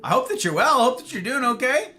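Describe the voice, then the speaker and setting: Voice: high-pitched, sing-song, quick pace, sharp tone, soft background music. A live streamer host chatting casually with viewers in a playful, rambling way, full of silly slang.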